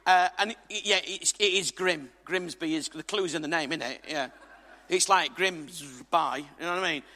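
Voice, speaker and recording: A man's voice: fairly high pitch, normal speed, sharp tone. A man from England preaching a sermon to a congregation, emphatic and jokey, with asides to the crowd. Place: church hall. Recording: reverberant hall.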